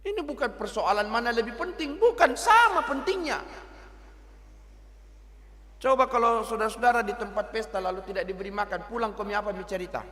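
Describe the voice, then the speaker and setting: A middle-aged male pastor preaches in a high voice. He is lively and teasing, and mixes local words into his sermon. The sound carries a long church reverb. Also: a little fast.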